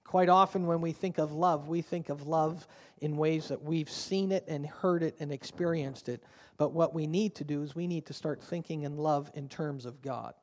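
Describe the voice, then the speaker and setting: A man's voice: a little high, steady tone, normal speed, darkish tone. A man preaching a sermon at a pulpit microphone in a church, speaking in an earnest, conversational way. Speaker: pastor. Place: church sanctuary. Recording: long church-hall reverb.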